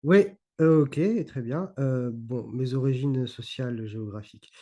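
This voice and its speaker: A middle-aged man from Provence, France, a YouTuber on esotericism, appears as a guest in a casual interview. His medium-pitched voice is a little slow with a dark tone, and he sounds hesitant, using many fillers and restarts.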